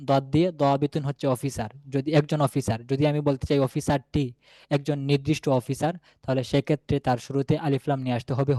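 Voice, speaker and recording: A man teaching a beginners' Arabic lesson, patiently repeating each example word slowly. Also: mid-range voice, dark tone, no echo. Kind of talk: classroom lesson.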